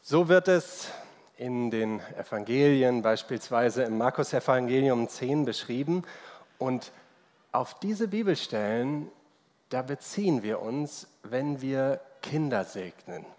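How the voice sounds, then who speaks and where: A man's voice: mid-range voice, animated, slow pace, a little mellow. A man in his thirties preaching a sermon as pastor, conversational and personal, asking the congregation rhetorical questions during a church service. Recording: long reverb from a church hall.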